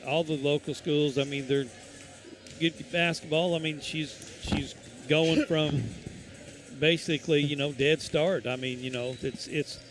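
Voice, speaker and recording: A man giving casual color commentary on a high school basketball game, rambling and folksy with many fillers and restarts. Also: fairly even intonation, measured pace, a little hiss or hum.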